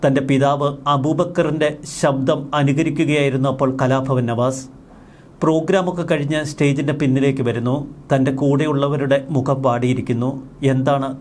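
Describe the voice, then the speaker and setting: A man reading a scripted news voice-over in a solemn, measured way. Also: mid-range voice, darkish tone, slight background noise. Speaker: news narrator.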